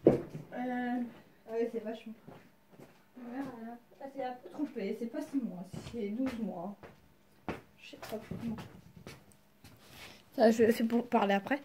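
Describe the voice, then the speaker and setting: A young woman tells a personal story in a casual vlog style. Her voice sits a little high yet stays soft-edged and mellow. She is halting and slangy, speaking with a sore mouth after having her wisdom teeth out. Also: fairly even intonation, slight background noise, rough recording. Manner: halting, slangy, searching for words. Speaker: vlogger.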